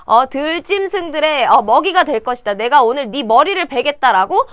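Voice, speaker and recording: A zealous young shepherd boy speaks out boldly and fiercely, as a woman acts him. His voice is high and bright, full of fiery conviction. It is told within a storytelling retelling. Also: animated, normal speed, no echo, studio quality. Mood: defiant. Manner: indignant, fiery.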